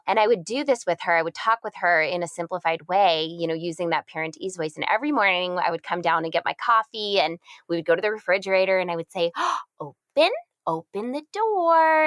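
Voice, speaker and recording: Woman, 30s, speech therapist guest; animated, acts out words, low-ish voice, dry. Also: no room sound. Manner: animated, acts out words in a sing-song parent voice. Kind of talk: conversational podcast advice.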